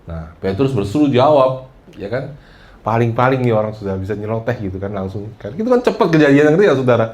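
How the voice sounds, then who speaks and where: A man preaching a sermon as pastor, lively and joking, acting out the prayers he quotes and often addressing his listeners directly. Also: medium pitch, quick pace.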